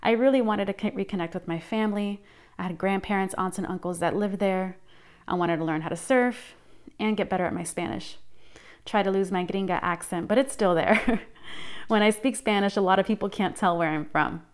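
An American woman in her thirties hosts her own podcast, telling her life story in upbeat, scripted narration. She speaks fairly quickly in a mid-range voice with a clean tone.

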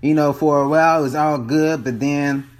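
A somewhat high-voiced man talking in a loose, profane, chatty ramble. He is a bit out of breath while moving up and down stairs indoors. He is recorded on a phone he holds in his hand. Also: steady tone, moderate pace. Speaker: vlogger reviewing a movie. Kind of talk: casual rambling monologue. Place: townhome, walking up and down stairs. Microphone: phone held in hand.

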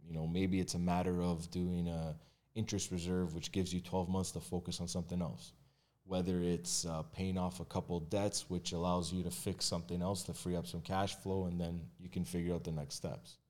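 This deep-voiced man, a guest who works as a mortgage agent and realtor, speaks candidly in a laid-back podcast conversation. His pitch barely moves, his pace is moderate, and his tone is darkish, with frequent fillers and restarts throughout.

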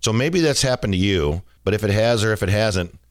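A middle-aged man hosting a podcast, telling stories in a relaxed, joking way with plenty of fillers. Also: lowish voice, fairly quick, noisy background. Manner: chatty, jokey storytelling with fillers. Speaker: podcast host. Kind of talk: casual podcast monologue.

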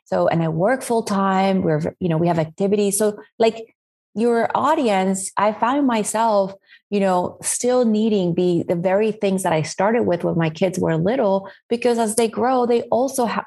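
A woman's voice: mid-range voice, darkish tone. Casting: woman in her 40s from Spain, podcast guest, chatty and rambling with "right?" tags. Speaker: guest, meal-planning website founder. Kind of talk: casual podcast interview.

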